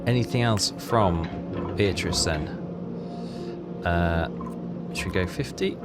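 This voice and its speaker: A man gives casual let's play commentary over game music, muttering and questioning himself as he thinks out loud. His voice is low and slow.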